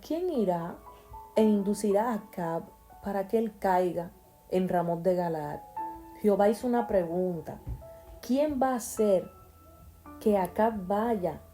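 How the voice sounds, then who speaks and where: A woman's voice: mid-range voice, warm tone. A woman retelling a Bible story as a sermon, earnest and storytelling, briefly shifting her voice to quote the characters. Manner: earnest storytelling, quoting characters with small voice changes. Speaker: Bible teacher.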